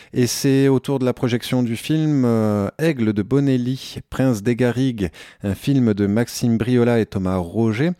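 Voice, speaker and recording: Mellow-voiced man reading a local agenda. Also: medium pitch, no room sound, clean studio sound. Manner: relaxed, hesitant, many fillers and self-corrections. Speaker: local radio host.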